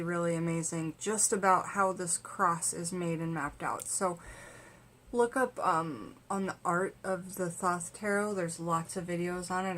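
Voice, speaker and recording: A woman's voice: fairly low pitch, fairly bright tone, slight background noise. A woman vlogging about tarot from home in a rambling, conversational way, full of fillers and restarts. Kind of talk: casual chat.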